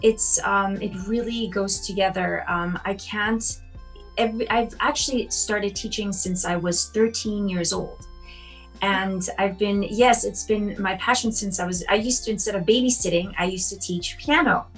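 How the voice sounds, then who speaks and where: A woman's voice: mid-range voice, normal speed, rough recording. A woman in her thirties who grew up in Austria, a piano teacher answering children's interview questions in a chatty, encouraging way with many ums and you-knows. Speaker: piano teacher and competition judge.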